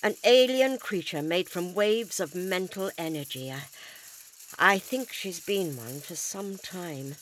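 A woman's voice: lowish voice, slow, fairly bright tone, a little hiss or hum, rough recording. A woman reading the part of a grim, urgent male doctor in a storybook. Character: grim, brisk male doctor, older and knowing.

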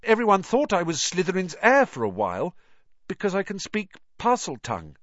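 A man's voice: sits high, wildly swooping pitch, normal speed, fairly bright tone, dry recording, dull audio, voice pushed up, exaggerated voice. Harry, a man voicing a worried boy wizard. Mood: anxious. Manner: urgent, faltering, rising. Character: anxious boy wizard, twelve, earnest.

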